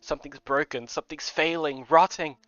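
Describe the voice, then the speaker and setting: A man voicing an older head housemaiden woman with a slight Scottish accent, soft and pleading, reading a game aloud. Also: fairly high pitch, steady tone, fairly quick, smooth, no room sound, lightly acted. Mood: sorrowful. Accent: slight Scottish put-on. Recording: dull lo-fi recording.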